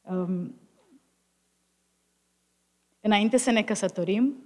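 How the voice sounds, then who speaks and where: A woman shares a personal testimony at an average pitch. She speaks in short phrases and leaves gaps for an interpreter. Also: slow, a little mellow.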